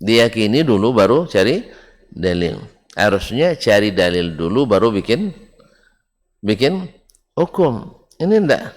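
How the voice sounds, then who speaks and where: Lively male preacher in a reverberant hall. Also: lowish voice, a little slow, pauses often. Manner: animated, questions the audience often, chuckles. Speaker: Islamic preacher teaching a book study. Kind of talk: religious lecture to a congregation.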